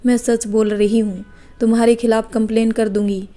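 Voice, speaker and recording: A woman's voice: a little high, level tone, normal speed, dark tone, soft background music, natural voice. A woman voicing a strict young female teacher who speaks in curt, scolding lines in a storybook tale. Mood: irritated.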